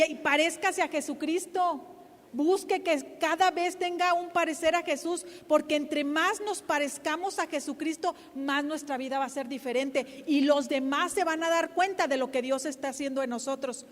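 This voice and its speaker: A middle-aged woman pastor, preaching a sermon in a loud, emphatic, lively way. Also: high voice, long reverb tail. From Mexico.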